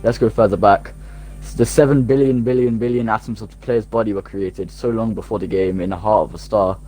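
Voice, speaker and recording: A man's voice: on the low side, steady tone, fairly quick, dark tone, soft background music, rough recording. A man casually reading game text aloud over voice chat, joking and swearing between lines. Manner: joking, reads aloud with laughs and profanity. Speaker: gamer reading the game's ending aloud.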